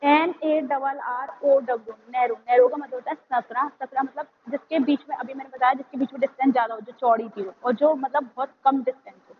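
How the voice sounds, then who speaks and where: A woman's voice: high voice, steady tone. A woman teacher with an Indian accent, giving a vocabulary lesson to children, spelling each word letter by letter before explaining it. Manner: spells words letter by letter, then explains slowly. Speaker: school teacher. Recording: muffled lo-fi recording with faint background hiss.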